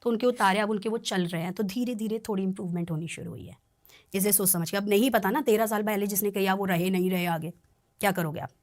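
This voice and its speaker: A woman's voice: mid-range voice, quick pace, a little mellow. A woman tarot reader talking on a podcast, explaining in an earnest, warning tone. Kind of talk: podcast conversation.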